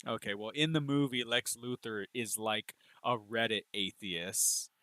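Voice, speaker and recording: A man's voice: fairly low pitch, unhurried, pushed and bright, dry recording. A man chatting casually during a film watch-along stream, rambling and laughing often as he mocks what he sees. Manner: rambling, laughs a lot, mocking voices. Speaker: stream co-host.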